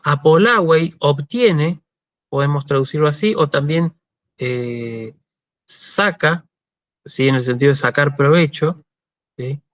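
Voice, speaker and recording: Medium-pitched and a touch bright, an Argentine man speaks a little slowly with frequent pauses in a dry, lo-fi recording. It's a university lecture given over video call, patient in tone, full of "¿sí?" check-ins and "este" fillers.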